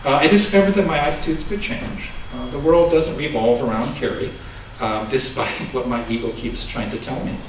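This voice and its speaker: A man's voice: medium pitch, fairly even intonation, moderate pace, few pauses. A man in his sixties from Los Angeles giving a conversational, self-deprecating dharma talk as a Buddhist minister, chuckling often. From Los Angeles, USA. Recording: echoey room, distant mic, background noise.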